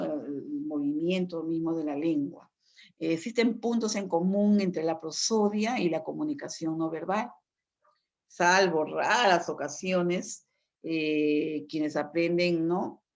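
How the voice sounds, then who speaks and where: A woman teaching a lecture, explaining at length and often checking in with her listeners. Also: lowish voice. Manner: explanatory, frequent tag questions. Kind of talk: online lecture. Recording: dull lo-fi sound.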